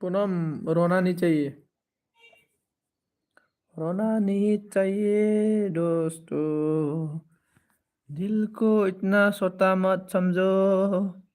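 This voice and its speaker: A man's voice: high voice, clean tone. A man in his twenties hosting a live stream, casually thanking viewers by name and consoling them. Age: 20s. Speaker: livestream host.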